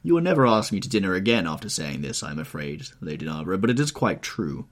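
An urbane, cynical gentleman, acted by a male audiobook reader. He delivers polished witticisms suavely, with animated intonation. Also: deep voice, fast. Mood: epigrammatic. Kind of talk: audiobook character voice.

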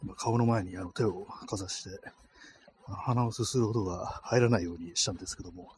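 A man with a lowish voice chats loosely into a phone as he walks outside at night. He rambles and hesitates, stringing thoughts together with fillers. Faint street ambience sits under his voice. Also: fairly quick, a little mellow, a little hiss or hum. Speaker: podcast host. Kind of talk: casual solo talk while walking. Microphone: phone held in cold hands.

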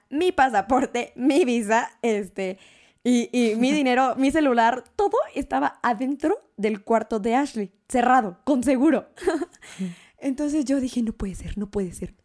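A young woman, casually telling a story as a guest, animated and laughing often. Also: a little high, measured pace. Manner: animated, laughs often, acts out quoted voices.

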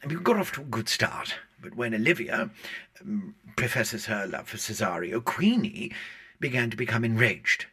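A pompous, theatrical drama-club man, talking in a formal, grandly measured way in a mockumentary interview. His voice has a husky edge. It is pushed with a tense, forceful brightness. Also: mid-range voice, animated, full character voice. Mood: grave.

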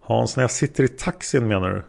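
A man reading the lines of a hesitant male taxi driver being questioned as a witness, in a plain, halting way. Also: mid-range voice, vocal fry, a little mellow. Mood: unsure. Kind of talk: read-aloud interrogation transcript.

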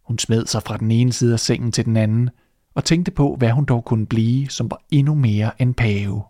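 Male storyteller, fairy tale reading, mid pitch, dry close mic. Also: dry recording. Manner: steady, even narration.

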